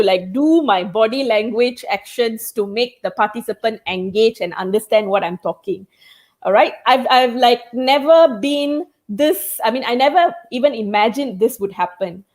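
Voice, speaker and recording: A Tamil-speaking woman, pitched a little high, works as a communication trainer in a live online chat. She explains tips in an instructive way, often checking in with "okay?" and "all right?"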